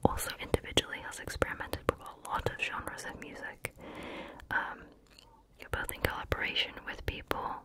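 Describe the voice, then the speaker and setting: A woman whispers softly, right up at the listener's ear, in an ASMR style. Her delivery is a casual, chatty monologue, kept fully hushed and unvoiced. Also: normal speed. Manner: soft, close-up whisper in the ear. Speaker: ASMR video host. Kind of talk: whispered ASMR chat about favorite music.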